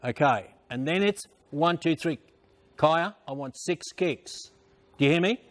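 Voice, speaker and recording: A man's voice: fairly high pitch, lively intonation, unhurried. An older man working as a swim coach, calling out short, repeated drill instructions and counts across an indoor pool. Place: large indoor swimming pool. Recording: noisy indoor pool, splashing ambience.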